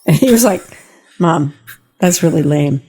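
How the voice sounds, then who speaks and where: Speaking to her audience directly, this older podcast host recounts personal stories in a casual, chatty way. Her voice sits low, warm and husky, expressive, with a measured pace.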